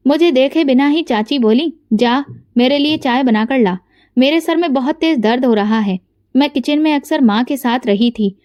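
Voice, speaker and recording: A woman narrating a first-person family story in an earnest, steady way. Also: sits high, no room sound, clean studio sound.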